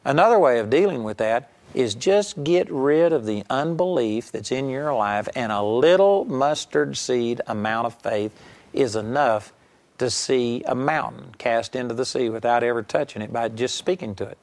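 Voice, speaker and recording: A man's voice: mid-range voice, normal speed. A middle-aged man preaching a sermon, telling stories emphatically and acting out raised voices. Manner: emphatic storytelling preaching, acting out quoted shouts.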